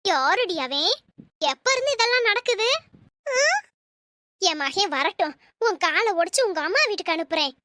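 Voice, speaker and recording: A sharp-tongued older mother-in-law, voiced by a woman in a cartoon story. She scolds and wails with a high, bright, piercing voice. The recording is dry and close. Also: animated, moderate pace, pauses often, no room sound, heavily acted. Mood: scolding. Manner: shrill, accusing, wailing complaints. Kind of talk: cartoon voice acting.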